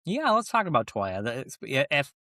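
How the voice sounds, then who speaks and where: A man co-hosting a casual podcast, talking in a bright, forceful voice. His speech is loose and rambling, full of restarts and quick laughs. The sound is dry and close to the mic. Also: medium pitch, wildly swooping pitch, dry recording. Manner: chatty, with frequent restarts and laughs. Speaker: podcast co-host. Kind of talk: casual chat.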